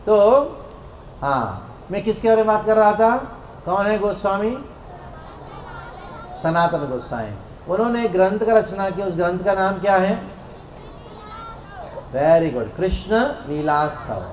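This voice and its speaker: A man preaching a devotional discourse to a congregation in a temple hall, playful and lively, leading the crowd in call-and-response chanting. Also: high-pitched, unhurried, long pauses. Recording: echoey hall with faint noise.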